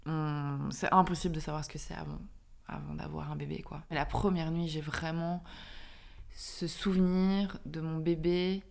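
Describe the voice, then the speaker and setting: A woman in her thirties with a Belgian French accent, telling a personal story as a podcast guest, animated and often laughing. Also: sits low, normal speed, gravelly. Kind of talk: casual chat.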